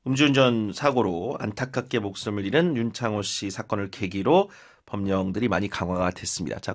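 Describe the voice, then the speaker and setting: A man from Korea teaching English in a lively, encouraging way, slowing down to model pronunciation. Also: mid-range voice. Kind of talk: bilingual English lesson, explaining and drilling.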